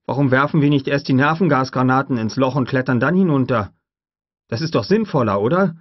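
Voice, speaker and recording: A man reading an audiobook voices a jittery, frightened male lawyer in an anxious, high-pitched, protesting tone. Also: expressive, normal speed, no echo, lo-fi sound, lightly acted. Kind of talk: audiobook character voice.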